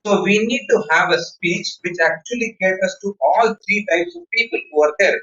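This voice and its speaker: During an online session over video call, a public-speaking trainer with an Indian accent explains things emphatically, using anecdotes and repeated phrases. His high-pitched voice is expressive and a bit bright, at normal speed. He sits far from the mic, so the recording sounds muffled and echoey.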